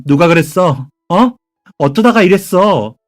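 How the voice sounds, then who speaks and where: A fiercely protective mother snaps at everyone around her, loud and sharp, in a narrated radio story, as a man puts her on. Her pitch rises a little above his usual reading voice, and soft music plays underneath. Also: normal speed, natural voice. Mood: indignant, scolding. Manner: sharp and scolding. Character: angry protective divorced mother, 30s.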